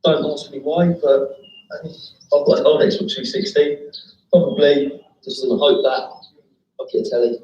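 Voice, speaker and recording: A man's voice: fairly high pitch, fairly even intonation, normal speed, pauses often, darkish tone, echoey room, recorded from a distance, lo-fi sound, a little hiss or hum. A man in his fifties talking plainly in a documentary interview, blunt and wry. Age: 50s.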